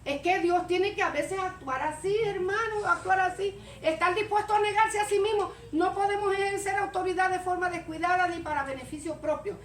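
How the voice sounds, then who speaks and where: A woman preacher giving a lively sermon, acting out scenes and stammers for the congregation. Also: very high voice, fairly quick, few pauses. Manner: animated, acts out stammering and scenes. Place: church. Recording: echoey church room, mic far off, faint noise.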